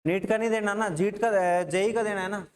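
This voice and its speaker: A male maths teacher with a Rajasthani Hindi accent lectures a class in a high voice. He walks through formulas step by step. He keeps asking the students questions and then answering them himself. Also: a little fast.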